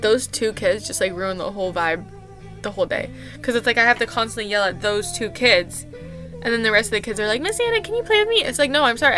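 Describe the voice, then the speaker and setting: A woman's voice: a little high, bright, forceful tone. A young woman and camp counselor telling a casual storytime vlog, rambling and exasperated, with lots of "like". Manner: exasperated rambling rant, heavy use of "like".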